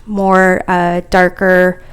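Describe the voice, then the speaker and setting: Unhurried woman with a smooth voice. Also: fairly low pitch, completely flat delivery. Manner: hesitant, frequent fillers, thinking aloud. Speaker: tarot deck reviewer. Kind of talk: casual unboxing chat.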